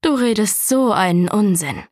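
A woman's voice: mid-range voice, animated, moderate pace, a little mellow, no echo, lightly acted. A bossy young girl, as a woman narrator puts her on, insisting in a lecturing tone. The storybook voice sits close and dry, with no room sound. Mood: scornful. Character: strict young girl, bossy twin sister.

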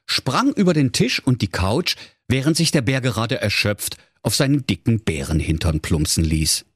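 Husky, lower-voiced male storyteller, lively delivery, dry close sound, spoof fairy tale. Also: moderate pace, dry recording. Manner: mock-storyteller, addressing children with deadpan asides. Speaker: narrator. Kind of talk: comic fairy-tale narration.

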